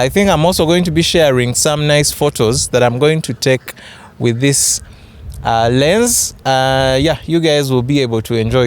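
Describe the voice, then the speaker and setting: Young male vlogger, Ugandan accent, clear voice, unhurried casual review delivery with hesitant repeats. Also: a little high. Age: young adult. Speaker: photography vlogger. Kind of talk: casual camera review vlog. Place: open grassy yard outdoors.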